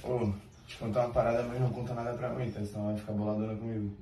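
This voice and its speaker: A man's voice: fairly low pitch, flat delivery, very fast, warm tone. Young man, teasing prankster, playful, distant mic, roomy echo, background noise. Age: young adult. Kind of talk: prank skits. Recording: echoey room, from far off, noisy.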